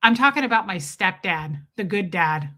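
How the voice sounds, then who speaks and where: This bright, chatty streamer is a Southern woman from near Nashville, talking at a moderate pace with a medium-pitched, expressive voice. Hosting a casual livestream, she reads comments, answers viewers by name and frequently restarts her sentences.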